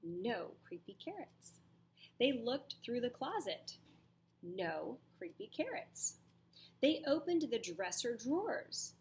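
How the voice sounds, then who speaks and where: Her fairly high voice swings widely in pitch as she reads a story to children, and a little background noise can be heard. The woman, a teacher, adds emphatic stresses and dramatic pauses and addresses the kids with questions along the way.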